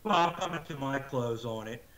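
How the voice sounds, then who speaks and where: A man chatting casually on a podcast while his audio keeps cutting out and sounds echoey, talking in a halting way with many restarts. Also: medium pitch, fairly bright tone, slight background noise. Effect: audio cutting out and echoey over a faulty connection. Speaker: podcast co-host. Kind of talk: casual chat. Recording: distant, dropping-out online call audio.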